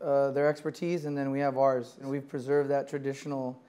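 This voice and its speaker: A man, a barber, calmly explaining barbershop history in a documentary interview in a barbershop. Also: mid-range voice, fairly quick, clean tone.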